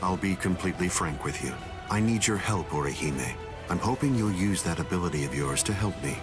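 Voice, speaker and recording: Deep, calm, manipulative villain. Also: male voice, music in the background. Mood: smooth manipulation. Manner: measured, quietly persuasive. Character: calm, coldly manipulative, commanding male villain. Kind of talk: anime game dub acting.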